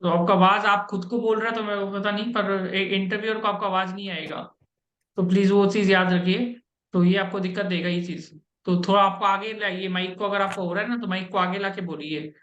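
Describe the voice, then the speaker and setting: A man's voice: sits high, fairly even intonation, brisk, a bit bright, echoey room, dull audio. A man with an Indian accent giving blunt mock interview feedback over a video call, mixing Hindi and English. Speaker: interview coach.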